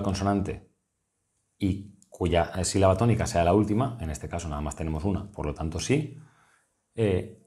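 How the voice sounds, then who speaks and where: A man's voice: sits low, darkish tone. A man with a Spanish accent, a tutor patiently explaining exam answers step by step and often checking in with his listeners. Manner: patient, methodical, asks "¿vale?" often.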